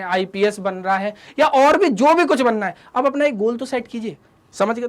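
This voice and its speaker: A male teacher gives students a motivational study talk in a fatherly, scolding manner, calling them "beta" and asking rhetorical questions. His voice sits high, and he mixes English catchphrases into the lesson.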